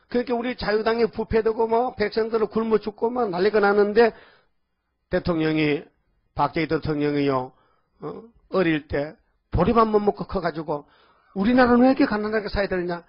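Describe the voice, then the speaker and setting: A man preaching a sermon in a folksy, rambling way, often calling out to the congregation with quick questions. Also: high voice. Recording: dull lo-fi audio.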